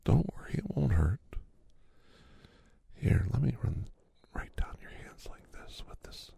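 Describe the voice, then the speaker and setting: A man doing an ASMR hand massage role-play, speaking softly and sultrily and often slipping into a whisper. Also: mid-range voice, huge pitch swings, measured pace, vocal fry, husky. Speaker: ASMR creator.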